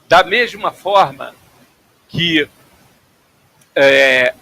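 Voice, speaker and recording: Bright gravelly man teaching. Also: fairly high pitch, expressive, extremely slow, no room sound, poor audio. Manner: explains patiently, checks in with "tá?" and "ok?". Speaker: flight phraseology instructor. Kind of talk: online class lecture.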